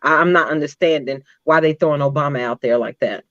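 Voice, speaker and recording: A woman co-hosting a casual political discussion show, laying out her arguments in a deliberate, opinionated way. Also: low voice, fairly bright tone, no echo, lo-fi sound. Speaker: podcast co-host.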